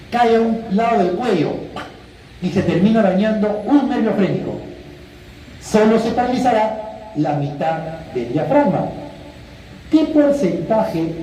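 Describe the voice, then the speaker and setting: A male physiology lecturer who quizzes his students, sometimes acting out patients and students in a lively way. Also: fairly high pitch. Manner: quizzes students with questions and answer options; animated, acts out patients and students. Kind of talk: classroom lecture. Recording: echoey room, distant mic, faint hiss.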